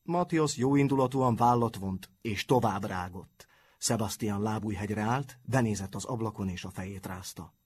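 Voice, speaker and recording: A man narrating an audiobook in an even storytelling manner. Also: fairly low pitch, slightly rough.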